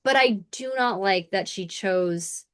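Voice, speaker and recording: A woman's voice: mid-range voice, slow, fairly bright tone, smooth, no room sound, studio quality. A woman co-hosting a podcast, chatting casually and animatedly about a TV episode, swearing freely and acting out the scenes. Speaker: podcast co-host. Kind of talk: casual recap chat.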